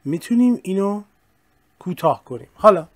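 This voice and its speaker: A male teacher explaining grammar in a casual way and reading example sentences slowly and clearly. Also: high-pitched, lively intonation, dry recording. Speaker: English teacher. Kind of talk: recorded language lesson.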